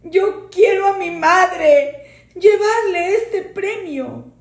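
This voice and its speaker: A woman's voice: very high-pitched, drawn-out words, voice pushed up, exaggerated voice. A woman voicing a grieving orphaned young schoolboy who speaks in a tearful, pleading way. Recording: roomy echo.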